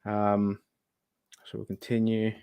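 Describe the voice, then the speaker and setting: A man's voice: fairly low pitch, monotone, takes it slowly, creaky, darkish tone, clear, resonant tone, no echo. A man chatting casually as host of a live gaming stream, thinking aloud and muttering asides to himself. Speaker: livestream host.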